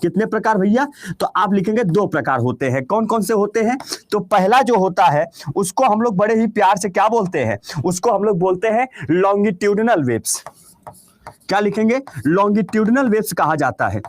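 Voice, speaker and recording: A man's voice: sits high, lively intonation, moderate pace, no room sound. A man with a Bihari Hindi accent teaching a class, who keeps asking questions and answering them himself. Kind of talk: classroom lecture.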